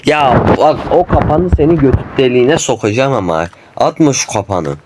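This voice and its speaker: Male gamer, foul-mouthed running commentary, very animated pitch, noisy recording. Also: normal speed. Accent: Turkish. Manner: constant swearing at the game, panicky yelling when chased. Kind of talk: horror game let's play commentary. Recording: noisy home mic recording.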